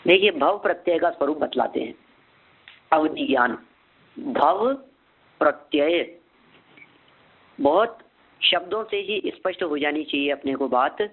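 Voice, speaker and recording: A man teaching a scripture lesson, asking and answering his own questions and repeating key terms slowly so they can be memorized. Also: fairly high pitch, lively intonation, slightly rough. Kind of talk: scripture lecture. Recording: phone-like narrow sound.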